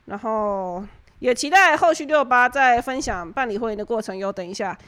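A woman's voice: on the high side, lively intonation, normal speed, fairly bright tone, clear, resonant tone. A young woman with a Taiwanese Mandarin accent, co-hosting a podcast in casual chat and telling stories between bursts of laughter. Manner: chatty storyteller, often breaks into laughter. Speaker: podcast co-host.

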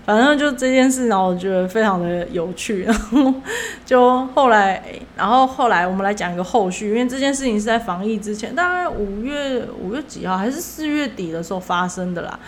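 A woman's voice: medium pitch, expressive, fairly quick, slight background noise. A woman podcast host with a Taiwanese Mandarin accent, telling a story in a chatty, laughing way and acting out the dialogue. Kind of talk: casual storytelling.

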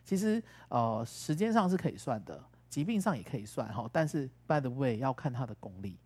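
A man's voice: medium pitch, expressive, fairly quick, darkish tone, slightly rough. A man, a tarot and astrology teacher, explaining in casual podcast chat and acting out stories. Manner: chatty, tells stories with acted-out quotes.

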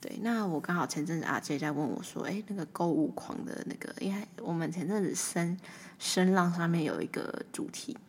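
A young woman with a Taiwanese Mandarin accent hosting her own podcast, talking casually and rambling, often trailing off into a breathy near-whisper. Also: fairly low pitch, brisk. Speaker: podcast host. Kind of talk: casual solo monologue.

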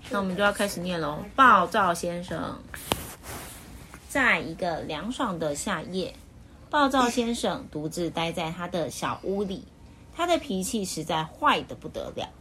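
Bright-voiced woman reading a picture book. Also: fairly low pitch, measured pace, slight background noise. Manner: expressive, lively voice changes for the story. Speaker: storyteller.

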